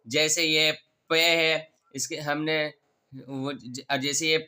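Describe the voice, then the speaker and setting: Male tutor, patient and methodical, voice bright and crisp. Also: fairly high pitch. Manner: patient, recites letters in steady rhythmic drill. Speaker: Urdu teacher. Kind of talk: online reading lesson, letter drills.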